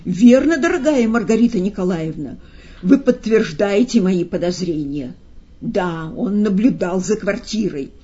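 Lady reading sly fussy retinue guy, gushy, husky, kinda lo-fi. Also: medium pitch, dark tone, lightly acted. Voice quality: effusive, exclaiming. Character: fussy, talkative male retinue member, sly. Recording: slightly dull lo-fi sound.

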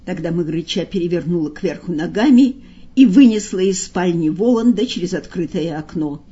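A woman narrating an audiobook in a calm, measured storytelling manner. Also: on the low side, husky. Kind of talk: audiobook reading. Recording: dull lo-fi recording.

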